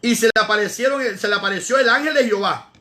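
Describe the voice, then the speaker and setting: A man preaching and teaching scripture in a live stream, his voice pitched high and bright. He is emphatic, repeats words for stress and reads verses aloud between his explanations. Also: fast. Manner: greets viewers by name in between. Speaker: evangelist preacher.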